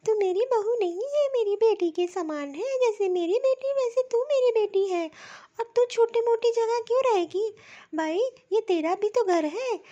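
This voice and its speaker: A woman's voice: very high voice, warm tone. A woman voicing a kind, motherly middle-aged neighbour aunt in a cartoon, coaxing and fussing over a young widow. The recording is dull and lo-fi. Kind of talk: cartoon voice acting.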